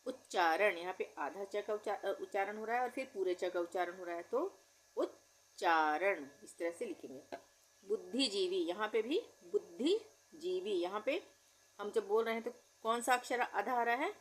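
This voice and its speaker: A woman teaching difficult Hindi words, with an Indian accent, saying each word slowly and spelling it out patiently. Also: medium pitch, expressive. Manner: patient, drawn-out word-by-word pronunciation. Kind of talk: slow spelling-out lesson.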